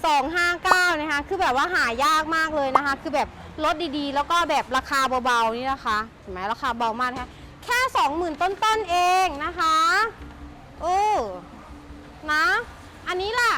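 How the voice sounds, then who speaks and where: Presenting for a motorbike shop, a woman with a strikingly high voice leads an animated, chatty sales walkaround at normal speed, gushing about what's on offer. Vehicle sounds fill the noisy handheld recording.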